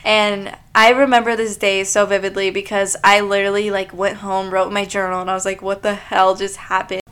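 A woman's voice: medium pitch, level tone, a little fast, a bit bright, clean tone. A young woman hosting a solo podcast, talking in a chatty, confessional way with plenty of filler words. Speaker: podcast host. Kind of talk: casual solo podcast monologue.

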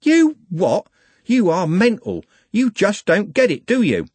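A man voicing a furious, grief-stricken young street lad who shouts and swears scornfully. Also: high voice, huge pitch swings, unhurried, slightly rough, no echo, pitched above the performer's own voice, heavily acted. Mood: furious, anguished.

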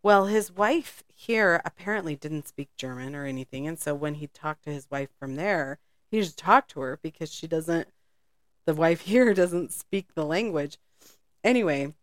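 Woman with a low smooth voice rambling through a story on a podcast, dry close sound. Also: no echo. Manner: rambling, laughs often, restarts. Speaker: podcast co-host. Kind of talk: casual storytelling chat.

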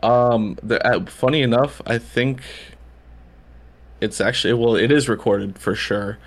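A man's voice: medium pitch, fairly even intonation, unhurried. A man, chatting casually as a podcast guest, rambling with lots of fillers and restarts. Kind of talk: casual chat.

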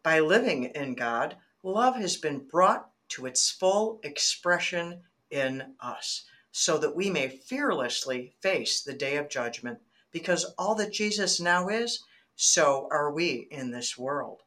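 Speaking slowly in a low register, a woman from Michigan guests on a faith podcast. Her chat is earnest and lively; she reads scripture aloud and laughs while recounting stories.

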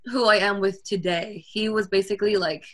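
A young woman co-hosting a podcast, telling a personal story in a hesitant, halting way. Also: medium pitch, steady tone, fairly bright tone. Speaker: podcast co-host. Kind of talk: casual chat.

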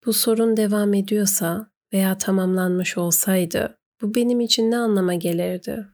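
A woman narrating a guided meditation, giving gentle, unhurried instructions with pauses. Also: medium pitch, fairly even intonation.

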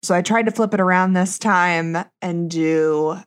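Low-voiced woman with vocal fry. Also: a little slow. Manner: sarcastic, blunt, gossipy. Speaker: podcast host. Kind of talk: casual solo hot-topics monologue.

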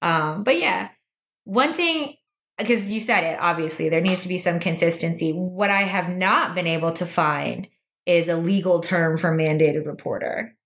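A woman co-hosting a podcast in casual chat, blunt and quick to swear, laughing often as she talks. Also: on the low side, fairly bright tone. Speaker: podcast co-host.

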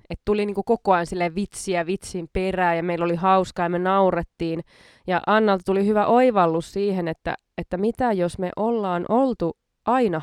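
A woman's voice: medium pitch, clear, resonant tone, no room sound, clean studio sound. A woman hosting a podcast in casual chat, self-mocking and laughing often between her words. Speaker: podcast host.

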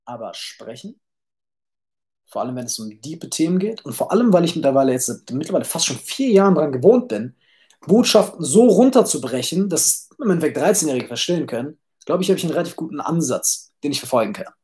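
A man's voice: on the high side, big pitch swings, fast talker, a little mellow. A man hosting a solo podcast in a casual, rambling way, blunt and brash, with frequent restarts and repeated words. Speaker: podcast host.

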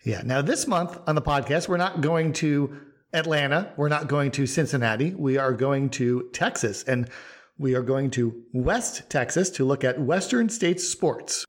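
A man hosting a podcast, talking casually in a relaxed, rambling way with fillers and restarts. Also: medium pitch. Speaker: podcast host.

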